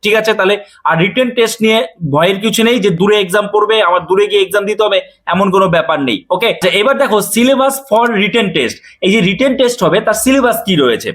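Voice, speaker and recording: Fast-talking man explaining. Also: high-pitched, expressive, fairly bright tone. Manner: quick, addressing viewers directly with frequent check-ins. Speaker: coaching teacher. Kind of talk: exam-notice explainer.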